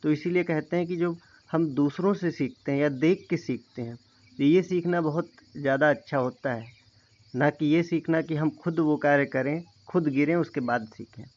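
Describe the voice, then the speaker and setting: A man with a fairly high, slightly mellow voice delivers an explanatory lecture at normal speed, frequently pausing to say "theek hai" and make sure his listeners follow. The recording is dull and lo-fi.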